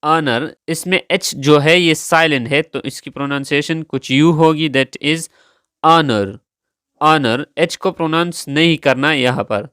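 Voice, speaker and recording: A man's voice: fairly high pitch, fairly even intonation, measured pace, hardly any pauses, fairly bright tone, clear, resonant tone, no echo, studio quality. A man teaching English vocabulary, saying each word several times and spelling it out letter by letter. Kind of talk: slow vocabulary lesson, spelling words letter by letter.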